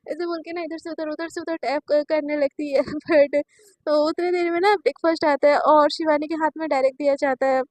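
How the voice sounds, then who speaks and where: High-voiced woman casually telling a story. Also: steady tone, brisk, no echo. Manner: chatty, filler-heavy retelling.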